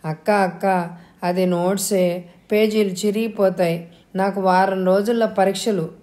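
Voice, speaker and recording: A woman's voice: mid-range voice, fairly even intonation, a little slow, mellow, natural voice. A woman reading an audio novel, voicing an anxious young student begging her elder sister and mother. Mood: pleading. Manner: pleading, anxious.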